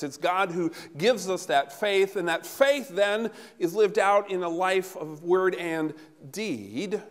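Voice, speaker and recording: Middle-aged male pastor, high voice, animated sermon delivery, long church reverb. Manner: animated, gesturing, walking about while preaching. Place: large church sanctuary before the altar. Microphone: no handheld mic, recorded from a far camera.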